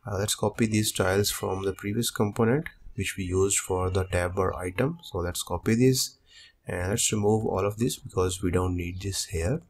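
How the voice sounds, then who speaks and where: A man's voice: deep voice, moderate pace, a little mellow. A young man hosting a coding tutorial, explaining each step steadily over a screen recording.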